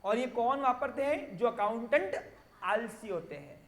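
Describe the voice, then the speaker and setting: A man's voice: very high-pitched, lively intonation, a little slow, echoey room. A male commerce teacher, lecturing through a story and asking students rhetorical questions.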